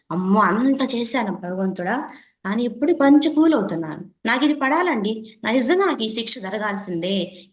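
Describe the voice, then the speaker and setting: A woman in her forties sharing an earnest personal testimony with a meditation class, stressing her points through repeated phrases. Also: a little high. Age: 40s. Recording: roomy, dull lo-fi sound.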